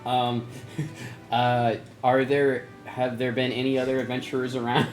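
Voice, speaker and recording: A man's voice: medium pitch, flat delivery, faint music behind, rough recording. Joking man playing a tabletop game. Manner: joking, thinking aloud, halting questions. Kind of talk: casual role-play chat.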